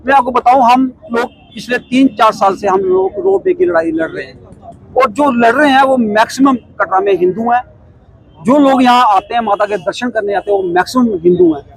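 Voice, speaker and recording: A man's voice: very high-pitched, lively intonation, brisk, husky, low-quality recording. A middle-aged man, a protest committee member, giving an impassioned statement full of repeated rhetorical questions.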